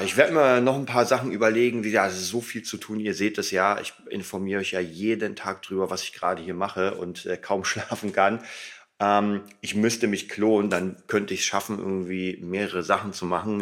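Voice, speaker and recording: A man's voice: fairly low pitch, steady tone, moderate pace, a bit bright. A man hosting a casual, rambling solo podcast, informal and emphatic, his articulation slightly impeded by a dental retainer. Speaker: podcast host.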